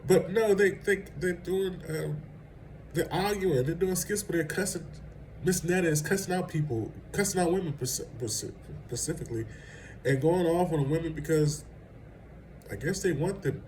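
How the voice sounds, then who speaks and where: A man's voice: a little high, darkish tone, a little hiss or hum, rough recording. A man vlogging casual celebrity gossip commentary, rambling and conversational and laughing at his own asides.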